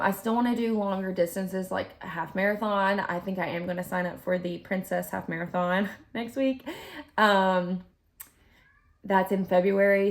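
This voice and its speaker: Chatty woman vlogger with a creaky voice. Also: fairly low pitch. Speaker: fitness vlogger; group fitness instructor. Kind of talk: casual rambling vlog chat.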